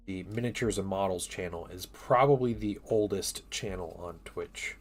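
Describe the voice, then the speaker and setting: A man's voice: low voice, normal speed. A man in his thirties chatting casually on a live stream, rambling a little as he reads viewer comments aloud and works on his models. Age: 30s. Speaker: live-streaming miniature painter.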